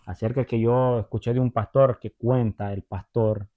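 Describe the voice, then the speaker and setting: This man talks at a normal speed with medium pitch and fairly even intonation. As a preacher offering a conversational Bible lesson, he retells stories, performs the characters' voices, and keeps asking tag questions of his listeners. The sound is thin and phone-like.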